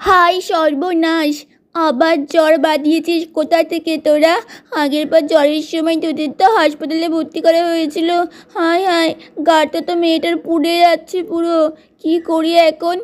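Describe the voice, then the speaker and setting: A woman's voice: extremely high pitch, flat delivery, moderate pace. A woman voicing a worried young mother in a doll-play story, fussing and scolding. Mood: alarmed. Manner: fretful, scolding. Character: anxious young mother fussing over kids.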